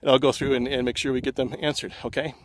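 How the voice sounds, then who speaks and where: A male online course instructor giving a relaxed, conversational lecture to his students, slightly out of breath, with plenty of ums and uhs. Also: medium pitch, quick pace, low-quality recording. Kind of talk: casual lecture to students, recorded on a phone. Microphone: phone recording. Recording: phone recording with clear traffic noise outdoors.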